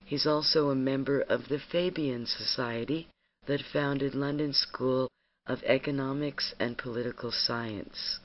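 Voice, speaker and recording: A man as radio host, reading a measured, formal show introduction. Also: mid-range voice, steady tone. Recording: slightly muffled radio audio.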